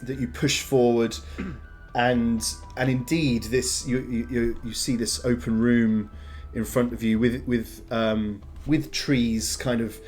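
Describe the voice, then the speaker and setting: A man narrating a tabletop game as game master, in a halting way full of fillers and restarts. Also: mid-range voice, fairly even intonation, darkish tone, faint music behind.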